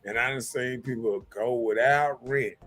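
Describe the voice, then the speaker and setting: A man chatting casually as a co-host, telling stories with a lot of swearing and speech, getting loud when worked up. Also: mid-range voice, a little slow, soft background music. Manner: animated, profane storytelling, swings loud when worked up. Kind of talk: casual chat.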